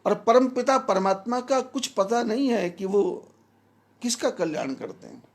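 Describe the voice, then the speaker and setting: Male spiritual teacher, emphatic measured preaching, gravelly edge to the voice. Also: high voice, lively intonation. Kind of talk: devotional discourse.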